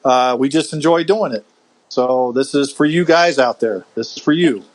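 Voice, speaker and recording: A man's voice: medium pitch, normal speed, rough recording. A man hosting a casual podcast over a video call, easygoing and chatty, laughing often and restarting his sentences. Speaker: podcast host. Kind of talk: casual chat.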